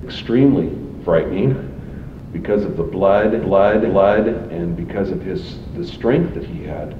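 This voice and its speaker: A man, a police officer, giving halting recorded testimony and often repeating himself. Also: low-pitched. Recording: roomy, distant, muffled, noisy archive tape.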